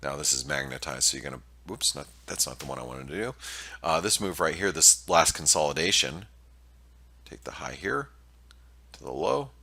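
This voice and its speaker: A market analyst presents his weekly preview over a shared screen in a rumbling low, gravelly, husky voice that is expressive and sharp-toned, at normal speed. His voice is nasal and stuffed up from allergies. The commentary is casual and hesitant, full of fillers and restarts.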